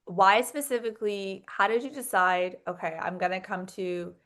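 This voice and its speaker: A woman's voice: mid-range voice, steady tone, normal speed, a bit bright. A young woman hosting a casual podcast interview, chatty and full of "like" and "um," stacking several questions at once. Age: young adult. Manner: chatty, lots of likes and ums, asks stacked questions. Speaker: podcast host.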